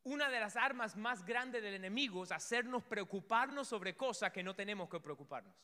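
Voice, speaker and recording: Animated high-voiced man preaching in a reverberant hall. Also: a little fast. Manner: animated, acts out story scenes and shouts. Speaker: pastor. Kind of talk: sermon.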